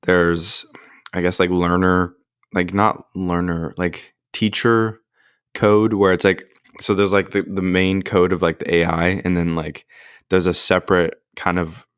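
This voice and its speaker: A man with a low, even voice talks through his ideas in a relaxed podcast chat. His tone is smooth and clear, and the sound is dry and close. He often stops to hedge with "like" as he works out a point. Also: unhurried, no room sound. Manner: thinks aloud, with many filler likes. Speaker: podcast co-host. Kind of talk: casual discussion.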